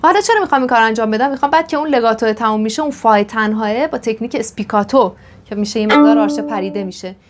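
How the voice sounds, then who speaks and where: A woman with a somewhat high voice explains violin technique step by step. She is patient and methodical, pausing on fillers as she thinks. A violin plays between her explanations. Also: slight background noise. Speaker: violin teacher. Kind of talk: instructional explanation. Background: violin playing.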